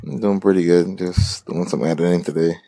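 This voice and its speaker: Deep, laid-back man. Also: fairly even intonation, fairly quick, gravelly, dark tone, no echo. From the Bahamas. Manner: laid-back, lots of "you know" and "like". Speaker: wedding photographer, podcast guest. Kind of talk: casual interview chat.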